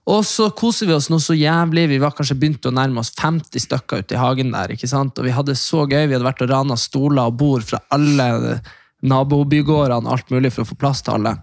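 Gravelly young man, animated. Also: mid-range voice, dry recording, clean studio sound. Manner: animated, acts out quoted voices loudly; swears a lot, fast rambling. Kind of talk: casual storytelling chat.

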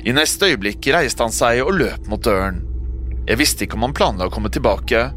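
A man's voice: medium pitch, expressive. A man reading a first-person horror story aloud, telling it expressively. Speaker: narrator. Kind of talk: scripted horror narration. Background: soft music.

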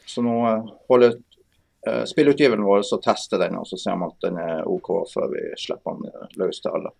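A man's voice: fairly low pitch, gravelly, darkish tone. A man with a Northern Norwegian accent, chatting casually as an interview guest. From Northern Norway. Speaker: podcast guest, game developer.

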